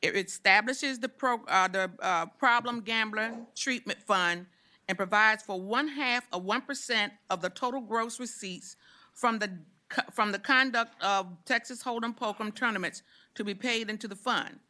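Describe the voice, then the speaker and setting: A woman senator presenting a bill to a committee, reading its provisions in a brisk, steady way. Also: a little high. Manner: brisk, reads provisions steadily, stumbles on repeats when challenged. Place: legislative committee room.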